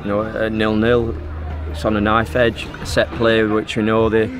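A middle-aged football manager fields post-match questions outdoors on a pitch, speaking in a measured, even, level way with frequent fillers. The interviewer holds a phone to record him, and crowd noise rises behind him along with soft background music.

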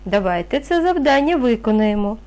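Woman, primary teacher, reading lesson, slow and patient, high and sing-song, encouraging. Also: expressive, darkish tone. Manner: slow, patient, encouraging, asks questions and answers them herself. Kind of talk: reading lesson for young children.

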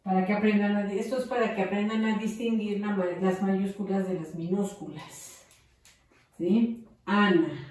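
A woman's voice: medium pitch, steady tone, moderate pace, a little mellow, far from the mic. A woman teaching young children in a patient, encouraging way, dictating words and drawing them out. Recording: very echoey room, voice off-mic.

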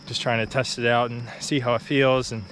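A young adult man vlogs casually while walking uphill on a quiet rural road, slightly out of breath, his brisk mid-range voice full of fillers and short laughs. He's relaxed and chatty, recorded on a phone or action camera held at arm's length, with slight background noise.

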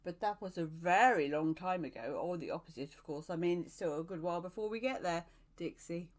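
A woman's voice: on the low side, fairly quick, lightly acted. A woman reading a musing old raftsman. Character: old male traveller steering a raft, musing. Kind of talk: storybook reading.

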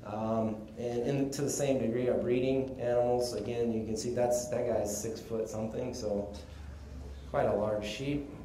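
A man from Texas gives a casual conference presentation, explaining things in a relaxed way with the odd chuckle. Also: mid-range voice, normal speed, a little hiss or hum. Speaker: conference speaker on sheep breeding. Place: conference room. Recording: echoey conference room, faint ambience.

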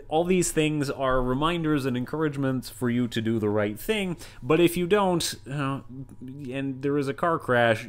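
A man's voice: mid-range voice, clear, resonant tone. A male university lecturer giving a recorded lecture, rambling along with many asides and everyday analogies.

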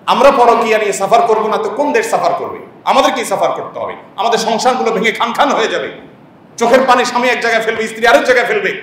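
Fast-talking preacher guy, fired up, lots of echo, mic far off. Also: high voice, fairly bright tone, a little hiss or hum. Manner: impassioned, rhetorical questions and repeated lists. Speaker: Islamic preacher. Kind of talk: sermon-style lecture.

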